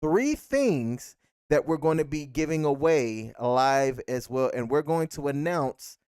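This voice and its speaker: A man's voice: on the high side, expressive, unhurried, darkish tone, smooth, no echo, studio quality. An American man co-hosting a casual live-stream chat as a podcast host.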